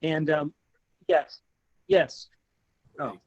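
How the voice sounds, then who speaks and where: A fairly high-voiced man speaking up at a public meeting from a remote line, his words cutting in and out as the call drops. He talks haltingly and fills the gaps with hesitant sounds. The sound itself is dry and close. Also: steady tone, darkish tone, dry recording, lo-fi sound. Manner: hesitant, halting with many fillers. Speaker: public commenter calling into a town meeting. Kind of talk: public comment.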